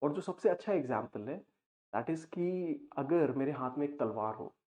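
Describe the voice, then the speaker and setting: A man's voice: a little high, lively intonation, dark tone. Man teaching with tinny, phone-like sound. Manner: explains patiently, slows down to read example sentences. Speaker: vocabulary teacher. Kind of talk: explanatory exam-prep lesson.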